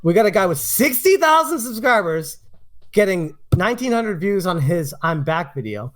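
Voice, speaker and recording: A man's voice: high voice, sing-song, moderate pace, fairly bright tone. A man hosting a podcast, giving casual commentary and emphatically repeating his points. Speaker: podcast host.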